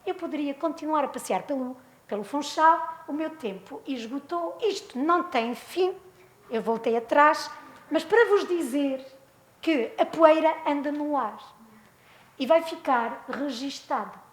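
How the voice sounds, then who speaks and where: A woman with a European Portuguese accent giving a talk on spelling, lively and full of rhetorical questions. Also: sits high, measured pace, roomy sound. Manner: animated, asks rhetorical questions. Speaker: lecturer.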